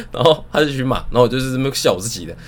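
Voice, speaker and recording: A man's voice: mid-range voice, animated, very fast. A young man with a Taiwanese Mandarin accent, telling a rambling story in casual monologue, swearing freely and laughing at his own jokes.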